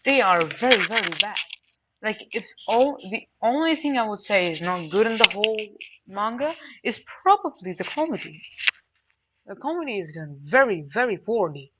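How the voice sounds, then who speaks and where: Very animated and speaking at normal speed, a woman with a mid-range voice rambles through an unscripted anime and manga review, repeating words for emphasis. The recording comes from a dull lo-fi mic with faint noise.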